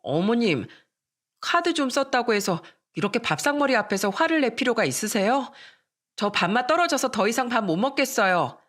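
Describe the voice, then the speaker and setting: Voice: medium pitch, big pitch swings, normal speed, fairly bright tone, voice pushed up. A storyteller voicing a spoiled young daughter-in-law who whines and pleads. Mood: whiny. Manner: whiny and pleading.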